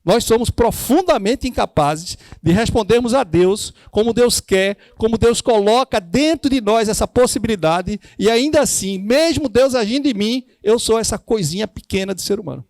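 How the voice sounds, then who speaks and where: A man's voice: high-pitched, expressive, moderate pace, few pauses, a little mellow, no echo. A man with a Northeastern Brazilian accent teaching a church discipleship class, preaching and acting out bits of dialogue.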